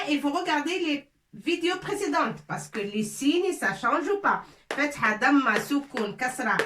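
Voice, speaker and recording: Lady teaching arabic in a classroom, patient, repeats every sound, fairly high voice. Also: bright, forceful tone. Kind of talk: classroom lesson. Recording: echoey room, from a distance.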